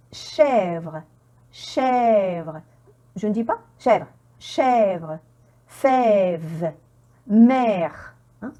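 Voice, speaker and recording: A woman teaching pronunciation in an online lesson, repeating words slowly and quizzing the viewer with encouraging checks. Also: medium pitch, warm tone, husky. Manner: encouraging, with frequent "hein?" checks.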